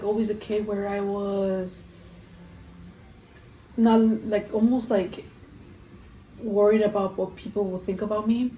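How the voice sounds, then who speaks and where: A young adult woman with a warm, medium-pitched voice chats to camera while eating for a mukbang Q&A food vlog. She rambles casually and says "like" a lot, recording indoors in a roomy home kitchen where the room echoes and faint background noise is audible.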